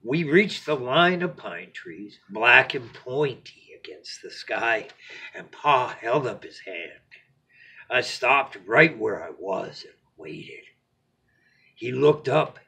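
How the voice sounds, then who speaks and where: Reading a children's picture book aloud as a bedtime story, a man with a slightly rough, mid-range voice delivers it expressively. He adds dramatic pauses and drops certain phrases to a hush.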